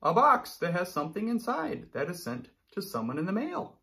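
During a read-aloud lesson for kids in a small room, a man in his thirties explains expressively and frequently checks on his listeners. His high voice swoops wildly in pitch, with vocal fry and a bright, forceful tone, at a moderate pace.

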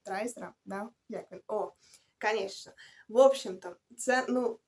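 A young woman book vlogger talks casually through her reviews in a mid-range, slightly mellow voice at a measured pace, correcting herself and tossing in slangy asides.

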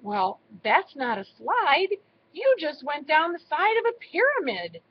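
A woman's voice: high voice, huge pitch swings, unhurried, lo-fi sound, pitched above the performer's own voice, heavily acted. A woman voicing a shy, careful young male mouse in a storybook reading, speaking hesitantly. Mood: explaining.

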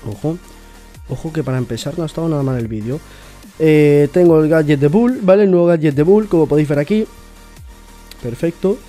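Excitable young man. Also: a little high, brisk, pauses often, faint music behind. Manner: excitable, chatty, addresses viewers as "chicos". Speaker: gaming YouTuber. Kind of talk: casual gameplay commentary.

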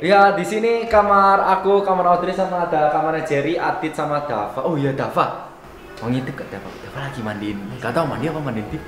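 A man's voice: on the high side, fairly quick. A man chatting casually and jokingly as he shows his room. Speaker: contestant showing his room. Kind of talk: casual chat. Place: indoor hotel room. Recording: echoey room with instrument music behind.

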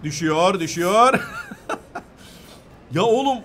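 A man hosting a children's gaming video, giving excited let's-play commentary with his son, shouting reactions and throwing in English exclamations. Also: high-pitched, slow pace, a little hiss or hum. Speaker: gaming channel host playing with his son.

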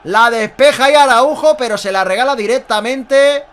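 A man's voice: very high-pitched, normal speed, a bit bright, clean tone. A man in his thirties with an accent from Spain gives live Spanish football goal commentary as a fan, emphatic, repetitive and exclaiming. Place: small indoor room at home.

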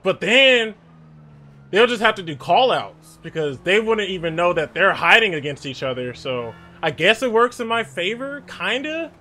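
A young man giving nervous, excitable commentary while playing a game, yelling when chased. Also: high voice, moderate pace, faint music behind. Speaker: gaming YouTuber.

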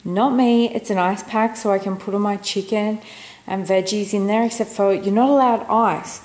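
This Australian travel vlogger, a young adult, speaks in a medium-pitched, slightly mellow voice with fairly even intonation and moderate pace. She talks casually to camera from airports, a plane cabin and a moving taxi amid noisy airport and vehicle sounds.

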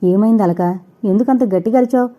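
A woman's voice: mid-range voice, moderate pace, lightly acted. A woman reading an earnest young lover. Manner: calm earnest reasoning. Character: earnest young man pleading his love. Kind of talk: audiobook character reading. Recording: dull lo-fi recording.

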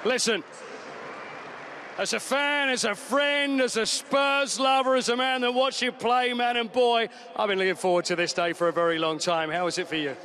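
A middle-aged man with a high, bright, forceful voice asks his questions with effusive enthusiasm. He holds a handheld mic pitchside at a stadium. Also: steady tone, moderate pace, slight background noise. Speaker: club TV interviewer. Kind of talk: pitchside interview.

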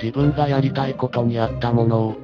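A man's voice: mid-range voice, steady tone, brisk, lightly acted. A man playing a grumbling old grandpa gamer. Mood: advising. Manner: stock old-man speech endings. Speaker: co-player. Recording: dull lo-fi sound with faint music.

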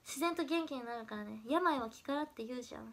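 A woman's voice: fast, vocal fry. A young woman chatting casually on her livestream while crafting, stuffy from a runny nose, pushing herself to sound upbeat. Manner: forced high energy, chatty. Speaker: idol livestreamer.

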